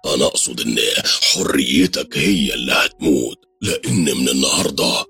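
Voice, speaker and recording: Brief: slow, gloating devil tempter, Egyptian accent, low husky tone, as a male reader puts him on. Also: animated, a bit bright, no echo, soft background music, full character voice. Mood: menacing.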